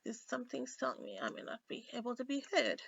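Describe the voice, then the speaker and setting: A woman hosting a casual live craft tutorial, sounding nasal and a little sick, chatting in a halting way with many pauses. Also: a little high, huge pitch swings, creaky, fairly bright tone, breathy edge. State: under the weather with a stuffy, sick-sounding voice. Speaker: host of a weekly craft livestream. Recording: dull, lo-fi livestream audio.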